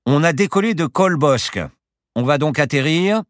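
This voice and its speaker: Guy voicing a show-off old professor, higher voice, grand and teasing, lively swings. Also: moderate pace, lightly acted. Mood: playful boastful. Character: boastful eccentric old professor pilot, playful.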